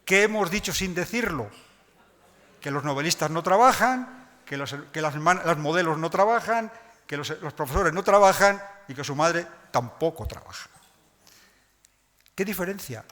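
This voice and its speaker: A man's voice: fairly high pitch, lively intonation, normal speed, a bit bright. A man giving a public lecture, explaining points to his audience in a didactic way. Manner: didactic, addresses audience directly. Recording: long reverb of a lecture hall.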